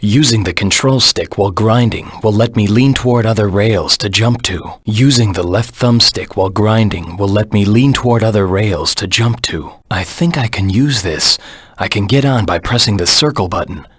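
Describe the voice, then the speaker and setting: A man voicing a brooding, serious hedgehog antihero in a video game, with a low husky rasp and a measured, deadpan delivery. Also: no echo. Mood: cool, matter-of-fact. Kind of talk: scripted game tutorial voice acting.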